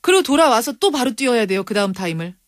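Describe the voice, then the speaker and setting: A woman's voice: fairly high pitch, very animated, fast talker, dry recording, clean studio sound. A woman radio news host interviewing in an inquisitive, emphatic manner. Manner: inquisitive, emphatic, reacting with surprise. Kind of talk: broadcast interviewing.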